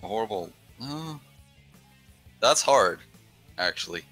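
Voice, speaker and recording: A man's voice: fairly low pitch, animated, slow, sharp tone, soft background music. A man chatting casually with friends over a voice call, his mic's noise gate chopping off the ends of his words as he rambles and trails off. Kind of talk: casual voice chat among friends. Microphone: computer mic over a voice call.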